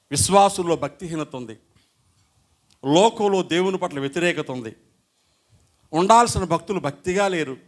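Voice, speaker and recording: A middle-aged male pastor preaching a sermon with strong emotion, asking rhetorical questions and calling again and again for praise to God. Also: a little high. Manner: repeats a call for praise to God.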